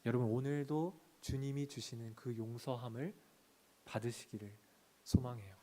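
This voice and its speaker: A man's voice: mid-range voice, steady tone, moderate pace, warm tone. Male pastor, church sanctuary sermon, asks and answers his own questions, reads scripture passages.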